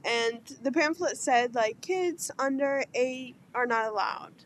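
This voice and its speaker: Young woman, high pitch, casual storyteller, light background noise. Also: takes it slowly. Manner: animated storytelling, acts out quotes. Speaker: podcast co-host. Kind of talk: casual chat.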